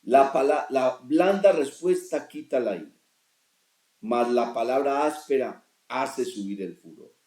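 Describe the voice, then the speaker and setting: A man's voice: medium pitch, measured pace, darkish tone, reverberant. A male pastor preaching a sermon, emphatic, with repeated rhetorical questions.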